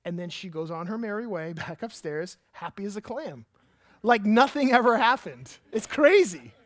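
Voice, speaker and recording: Animated pastor man, dry close sound. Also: high voice, moderate pace, dry recording. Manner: animated, emphatic storyteller. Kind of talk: sermon with personal storytelling.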